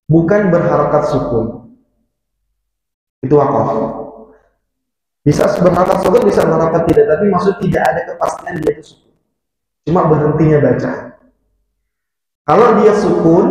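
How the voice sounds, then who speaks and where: A man with a somewhat high voice teaches a mosque study class and patiently repeats his key points, now and then chanting verses slowly. His voice rings through a big, very echoey hall with a long reverb tail. The sound is dull and lo-fi. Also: a little mellow. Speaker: religious teacher. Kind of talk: mosque study lesson on Arabic grammar.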